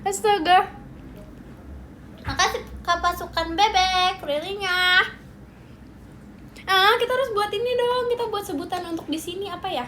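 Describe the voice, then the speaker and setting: A high, girlish young woman chatting slowly and playfully with her viewers on a livestream. She giggles and teases, taking her time between remarks, with a faint hum of background noise behind her. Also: sharp tone. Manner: playful, giggly, reacting to comments. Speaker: livestream host. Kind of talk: casual livestream chat.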